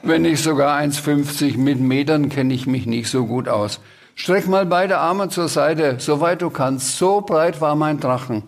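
A man's voice: fairly high pitch, unhurried. A man voicing a cheeky, impatient, childlike creature in a brash, raised voice, for a children's story read aloud.

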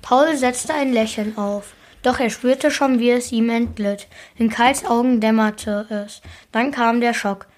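A woman reads a children's storybook aloud, expressive and steady. Her voice sits somewhat high for a woman. The pacing is even. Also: a little slow. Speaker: book reader. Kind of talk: storybook reading.

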